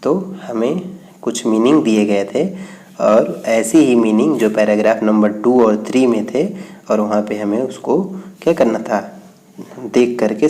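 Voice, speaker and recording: A male teacher explaining an English reading exercise, reading the English lines out slowly and then explaining each one. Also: on the low side, warm tone.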